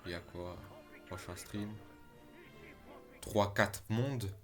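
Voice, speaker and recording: A man with a fairly low-pitched voice speaks slowly, with faint music behind him. Streaming a video game, he gives casual gameplay commentary, excitable and chatty, addressing his chat as "les gars" and swearing when the game frustrates him.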